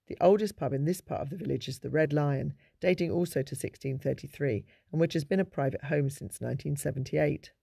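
A man narrates local history in a measured, informative way, his voice slightly high and gravelly with a mellow tone. The recording is close and dry, with no room sound. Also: no echo.

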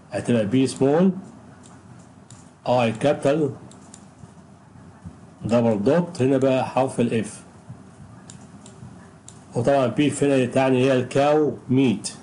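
An Egyptian man gives an English pronunciation lesson in a mellow, relaxed voice. He speaks patiently and says each example word slowly, again and again. A faint hiss sits under the recording. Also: mid-range voice, low-quality recording. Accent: Egyptian Arabic. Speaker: English teacher.

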